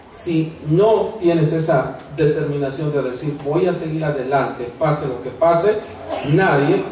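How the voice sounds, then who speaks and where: High-voiced pastor preaching in an echoey church. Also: male voice, a little mellow, slight background noise. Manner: earnest, storytelling, rising to fervent exhortation. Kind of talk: sermon. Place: church hall. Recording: echoey church hall from far off.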